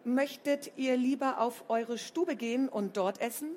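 A woman reading a storybook, voicing a kind house mother at a boarding school who speaks gently and solicitously. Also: a little high, a little slow, slight background noise, voice pushed up, natural voice. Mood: caring.

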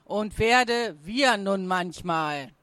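A woman's voice: lively intonation, slow, fairly bright tone, no room sound. A woman voicing a sleepy, dismissive older brother in a children's audio story. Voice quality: lower, grumbling, unimpressed.

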